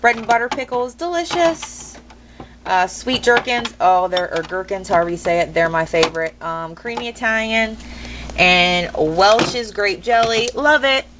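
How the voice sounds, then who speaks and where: A woman's voice: medium pitch, normal speed. A young woman giving a casual, rambling home tour, full of ums and blunt opinions. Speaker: vlogger. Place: kitchen at home. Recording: dull lo-fi home video with noise.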